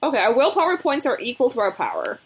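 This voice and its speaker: A woman playing a tabletop game, talking in an animated, laughing way. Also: on the high side, quick pace, slightly rough. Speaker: player. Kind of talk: casual tabletop game chat.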